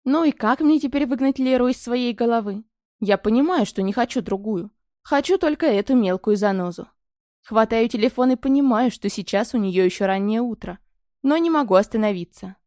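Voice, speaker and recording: A woman narrating a romance audiobook in the first person, with a fairly high voice. Her reading is calm and even, recorded close on the mic in a dry space without room sound. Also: a little fast, no room sound.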